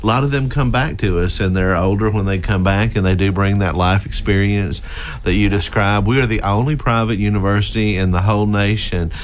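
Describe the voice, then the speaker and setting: A middle-aged man speaks in a fairly low voice with a Mississippi Southern accent. His delivery is folksy, courteous and measured, like a guest telling his story on radio. Clear background noise sits behind the studio microphone. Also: steady tone. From Mississippi, United States. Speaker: university president, interview guest. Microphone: studio microphone, close.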